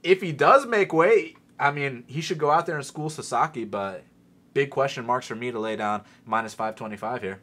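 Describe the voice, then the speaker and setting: Male podcast host, bright forceful tone, animated casual fight-betting chat. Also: medium pitch. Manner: animated, fast-talking, swears casually. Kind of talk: casual sports betting talk.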